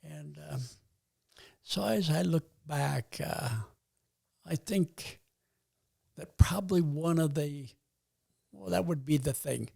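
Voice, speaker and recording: A very old man, around ninety, talking reflectively and haltingly in an interview, with a gravelly, husky voice. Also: fairly high pitch, darkish tone. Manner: halting, pausing to think. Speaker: podcast guest, retired pastor.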